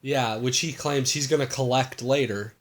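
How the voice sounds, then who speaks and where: A man's voice: mid-range voice, steady tone, moderate pace. A man co-hosting a loose, chatty movie recap. He rambles, leans on fillers and throws in crude jokes as he goes. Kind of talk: casual chat.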